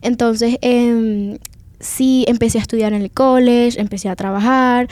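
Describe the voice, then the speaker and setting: A young woman with a Venezuelan Spanish accent tells her story of faith in an earnest, confiding tone. Her voice sits a little high but sounds dark and mellow, and the recording is close and dry with no room sound. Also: fairly even intonation, measured pace, clear, resonant tone, no echo. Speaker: guest giving testimony. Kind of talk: personal faith testimony.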